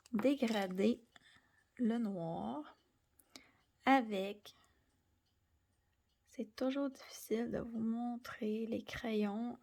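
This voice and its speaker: A young woman with a Québécois French accent, gently explaining a colored pencil drawing tutorial and sometimes dropping to near-whispers. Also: on the high side. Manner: gentle, soft-spoken, drops into near-whispers while drawing. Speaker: art tutorial host.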